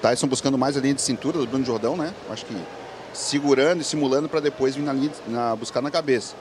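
A man's voice: medium pitch, fast. A man giving colloquial, conversational boxing analysis as a colour commentator, with a joking manner. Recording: clear background noise at live event.

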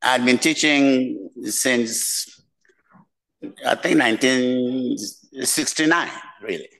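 An older man from Nigeria and Cameroon with a mixed West African accent, giving a slow, humorous keynote speech from a podium in a lecture room. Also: mid-range voice, vocal fry, fairly bright tone, rough recording. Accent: West African, mixed from many languages. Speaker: keynote speaker, professor. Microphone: podium mic.

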